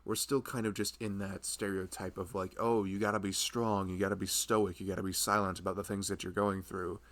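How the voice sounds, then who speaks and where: Playing an earnest, loving husband, a young man talks casually and intimately with his pregnant wife for an ASMR roleplay, rambling with frequent halts. His voice sits low, level and a bit bright, conveying an earnest, tender mood.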